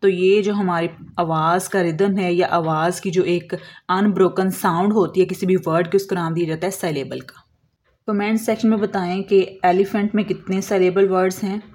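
A woman explaining a lesson as an English teacher, slowly drawing out example words and answering her own questions. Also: fairly low pitch, steady tone, a little mellow. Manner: asks questions and answers them herself.

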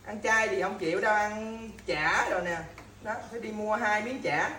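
A woman's voice: mid-range voice, moderate pace. A woman scolding her partner at home, repeating the same complaints and empty threats over and over. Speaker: scolding spouse. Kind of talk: casual domestic bickering. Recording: echoey room with faint background noise.

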